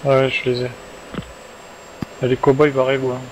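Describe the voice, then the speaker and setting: A man's voice: medium pitch, monotone, slight background noise, low-quality recording. A man flying as flight lead, giving clipped tactical calls over a cockpit headset mic. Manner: clipped, quick radio calls. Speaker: flight-sim pilot leading a flight. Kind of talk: terse tactical radio chat.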